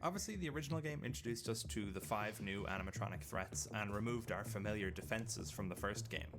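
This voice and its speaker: Man, lowish pitch, scripted video essay narration, explanatory, noisy background. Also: fast talker.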